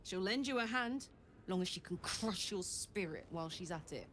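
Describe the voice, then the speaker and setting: A woman's voice: mid-range voice, lively intonation, moderate pace, fairly bright tone, close to an everyday voice. A woman playing a hardened, wry and candid adventurer companion in a video game, speaking conversationally. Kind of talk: naturalistic video game dialogue. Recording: faint noise, background ambience.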